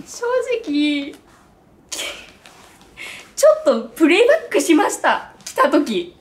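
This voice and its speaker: Very high, animated woman guest. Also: slow pace, a little hiss or hum. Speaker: guest on a prank show. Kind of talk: casual chat.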